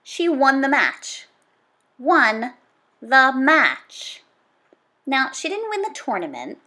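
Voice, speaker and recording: A woman reads a children's book aloud in a teacherly, animated, conversational way, taking it slowly. Her voice sits high, and she puts emphatic stress on each repeated word.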